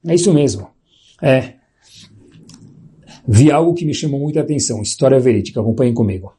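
Husky-voiced Brazilian man preaching animatedly. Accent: Brazilian Portuguese. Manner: animated, swings his voice high and low, slows for emphasis. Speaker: religious teacher. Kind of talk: sermon with a told story.

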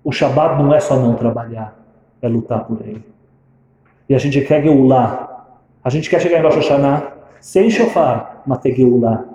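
A male preacher telling a religious story in a sermon, animated and switching into character voices. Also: mid-range voice, normal speed. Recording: echoey room.

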